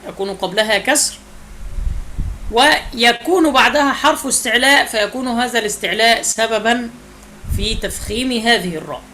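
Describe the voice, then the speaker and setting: Bright-voiced tajwid teacher, a man. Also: very high voice, a little hiss or hum, rough recording. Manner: explains rules step by step, slows to recite examples. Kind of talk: Quranic recitation lesson.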